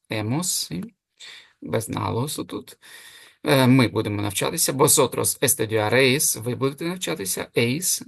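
Gravelly-voiced man teaching Spanish. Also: mid-range voice, a bit bright, no echo, clean studio sound. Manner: explains step by step, slows down to pronounce the Spanish forms; hesitant fillers and self-corrections. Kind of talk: online language lesson.

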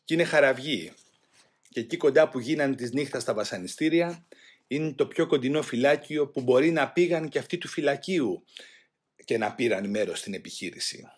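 A man reading a first-person memoir aloud in a grave, measured way. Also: mid-range voice, husky. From Greece. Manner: grave, measured, voicing shouted quotes louder. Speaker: audiobook reader.

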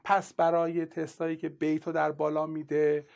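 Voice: mid-range voice, monotone, gravelly, darkish tone. A teacher giving an exam-prep literature lesson in casual, colloquial speech, walking through each step and asking rhetorical questions along the way.

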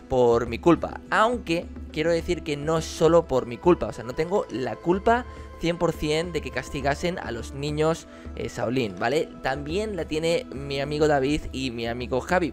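Spanish man, kung fu teacher, animated storyteller with a fairly high voice, faint music underneath. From Spain. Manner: animated, bursts into shouting when reenacting. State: injured leg, resting. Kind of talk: casual storytelling to camera.

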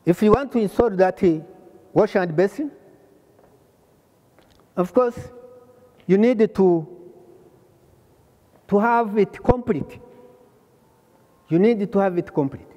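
An older man from Rwanda giving a hands-on plumbing lesson, pausing often and repeating phrases as he shows the parts. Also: high voice, in a large hall, highs cut off. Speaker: plumbing instructor. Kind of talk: slow hands-on trade lesson. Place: large workshop hall.

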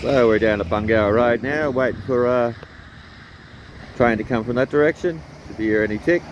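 A man's voice: mid-range voice, moderate pace, highs cut off, slight background noise. A man vlogging casually at a railway line outdoors in the rain, talking in a laid-back, chatty way into a handheld camera. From Australia. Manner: laid-back, chatty, sings a snatch of song. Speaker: train-spotting vlogger.

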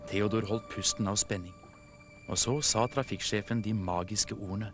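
A man from Norway narrating a children's TV story in an animated storytelling way. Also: fairly low pitch. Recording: music playing behind.

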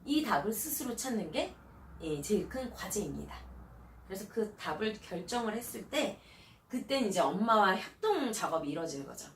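A woman counselor giving parents advice, animated and acting out what she would say to a child. Her voice rises and falls a lot. The sound is roomy and picked up from a little way off the mic, with a faint hiss underneath. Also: mid-range voice, moderate pace, far from the mic. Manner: animated, acts out questions to a child.

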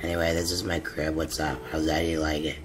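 A man hosting a game role-play, joking loudly and laughing as he plays. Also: extremely low pitch, level tone, fairly quick, a little hiss or hum. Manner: loud, laughing, joking outbursts. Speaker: gamer host.

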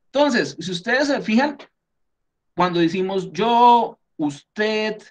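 A man with a Colombian Spanish accent teaches a class, explaining things patiently step by step and often checking in with his students. His voice is high and animated, and he takes it slowly.

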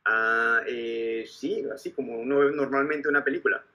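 A man interviewing, a filmmaker asking calm questions in a measured, slightly hesitant way. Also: mid-range voice.

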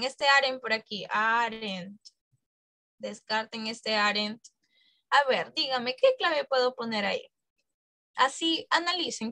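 Brief: woman, English teacher, high voice, coaxing, keeps checking in, close dry sound. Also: pushed and bright, dry recording. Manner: coaxing, checks in with frequent questions. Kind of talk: online exam-prep class.

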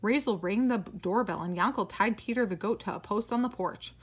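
A woman reading a children's picture book aloud as a storyteller, expressive and animated. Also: medium pitch, brisk, breathy edge.

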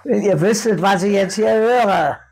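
An older man in a casual guessing game, talking too loudly with headphones on and trying out words one by one. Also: high voice, unhurried, husky, faint music behind. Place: small indoor room.

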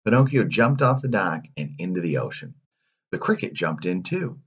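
A man reading a children's story aloud, animated, with playful asides. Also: sits low, normal speed, husky, highs cut off.

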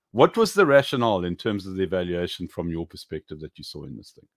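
A man in his thirties co-hosting a casual crypto chat on a video call, animated and emphatic, swearing casually. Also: low voice, fast, no room sound, studio quality. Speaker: co-host. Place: home room. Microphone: webcam video call.

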